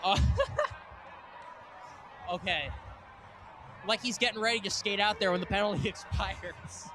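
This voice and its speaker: A man calling a live hockey game from an arena booth, excitable and laughing often as he thinks aloud. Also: sits high, normal speed. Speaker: play-by-play commentator. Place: ice arena broadcast booth. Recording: noisy arena broadcast.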